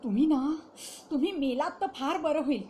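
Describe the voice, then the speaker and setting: A woman's voice: high voice, normal speed, a little hiss or hum, pitched above the performer's own voice, close to an everyday voice. A woman doing an agitated, bitter middle-aged wife.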